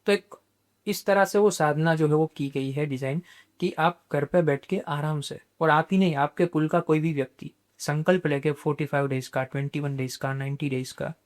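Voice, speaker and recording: A man, a guest on a podcast, explaining spiritual practice in a measured way and dropping English terms into his talk. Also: on the high side, steady tone.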